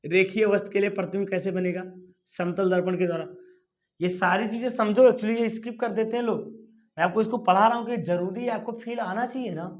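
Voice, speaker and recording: High-voiced man teaching at the board. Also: steady tone, fairly quick. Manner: coaxing, asks students questions and answers them himself. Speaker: physics teacher. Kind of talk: classroom lecture at a board. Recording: dull lo-fi recording.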